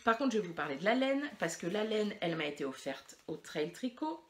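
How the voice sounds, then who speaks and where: A woman's voice: medium pitch, very animated, fairly quick. A woman hosting a knitting podcast, chatting casually and rambling with many fillers and restarts. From France. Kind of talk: casual chat to camera.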